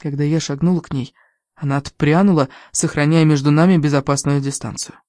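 An audiobook narrator reading a first-person story in a steady, plain storytelling manner. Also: medium pitch, brisk, no echo, clean studio sound.

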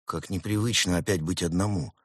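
A man's voice: sits low, steady tone, a little fast, no room sound, studio quality. Guy doing a grumpy smart cat mumbling, storybook. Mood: wistful. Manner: muttering, wistful. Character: gloomy, clever male cat.

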